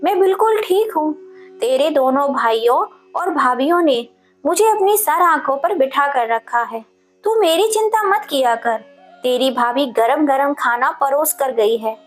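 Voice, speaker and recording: A woman voicing a gentle, trusting elderly widowed mother who talks in a soft, pleading tone. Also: high voice, expressive, measured pace, faint music behind. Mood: reassuring.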